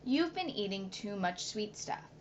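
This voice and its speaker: A woman's voice: mid-range voice, very animated, measured pace. A woman voicing a young boy obsessed with chocolate, eager and insistent, in a slightly muffled recording with faint hiss.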